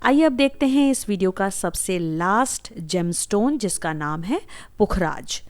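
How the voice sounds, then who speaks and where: A woman's voice: mid-range voice, animated, a little slow, dry recording. A woman teaching English vocabulary, saying each word, spelling it out letter by letter and repeating it. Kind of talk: slow explanatory vocabulary lesson.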